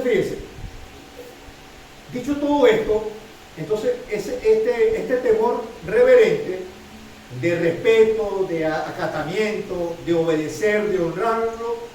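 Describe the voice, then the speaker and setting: A man's voice: sits high, darkish tone, slight background noise. A middle-aged man with a Chilean accent preaching a sermon to his congregation, repeating words, restarting often and checking in with "¿sí?". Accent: Chilean Spanish. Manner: repetitive, stammering restarts, frequent "¿sí?" to congregation. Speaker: pastor. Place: church hall. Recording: very echoey hall from far off.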